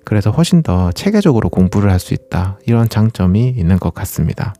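Man, lowish voice, dark mellow tone, casual polite explainer, solo host talk, addresses listeners directly. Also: big pitch swings, fast. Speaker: running channel host.

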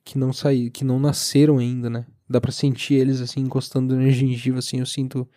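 A sleepy young man with a southern Brazilian accent talks casually by himself as a podcast host, in an informal, halting, meandering way. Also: medium pitch, level tone, warm tone. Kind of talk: casual solo monologue, rambling. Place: recorded lying down, alone.

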